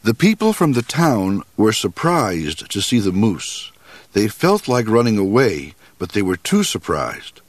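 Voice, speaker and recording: A man reading a children's storybook aloud in a measured, expressive way. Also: fairly low pitch, dry recording.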